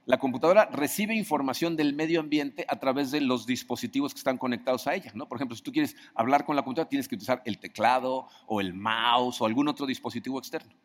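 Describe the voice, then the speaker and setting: A man delivers a sermon in a relaxed, conversational way, often asking his listeners questions. His voice sits in a middle range. A long hall reverb trails behind every phrase. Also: mid-range voice, fast talker, hardly any pauses. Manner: conversational, asks the audience questions, acts out quoted voices. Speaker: preacher.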